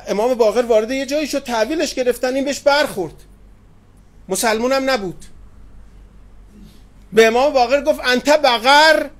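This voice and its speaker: A middle-aged man preaching as a cleric, retelling anecdotes with quoted dialogue and tenderly addressing his listeners. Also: very high-pitched. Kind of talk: sermon with storytelling. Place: religious gathering hall.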